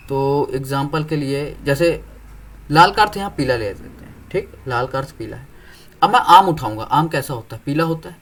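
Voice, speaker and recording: A young man teaching an exam-prep reasoning lesson, explaining step by step and often asking whether students follow. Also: on the high side. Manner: explains step by step, keeps checking "clear?".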